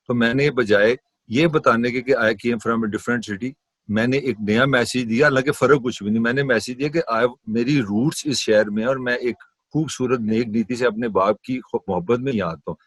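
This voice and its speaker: A middle-aged man with a Punjabi-accented Urdu, giving an animated classroom lecture and slipping English phrases into his talk. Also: medium pitch, no echo. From Pakistan. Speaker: university lecturer.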